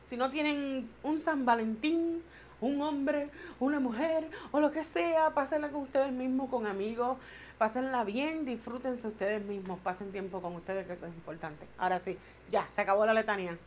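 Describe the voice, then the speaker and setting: A woman's voice: on the high side, moderate pace, slight background noise. A woman chatting casually to camera in a tag video, playful and joking, turning tender and sentimental. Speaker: beauty vlogger.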